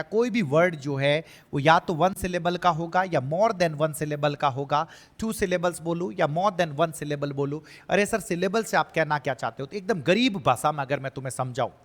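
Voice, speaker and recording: A fairly high-voiced man with a lilt teaches an exam-prep class. He keeps quizzing the class and answering for them, playing their puzzled questions. His voice rings with a long reverb. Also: a bit bright. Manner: asks questions and answers them himself, voices students' doubts.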